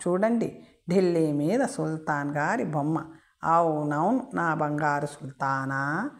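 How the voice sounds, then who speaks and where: A woman doing a raving, taunting madman. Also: deep voice. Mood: gloating. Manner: rambles in proverbs, taunts, sings lullabies. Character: raving mad man, defiant and mocking.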